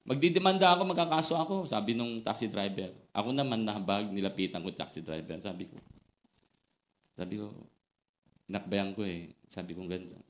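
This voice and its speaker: A man preaching a sermon, telling a personal story, mixing in English phrases and moving between soft quoted asides and loud excited bursts. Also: sits low, moderate pace, long pauses. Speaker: pastor.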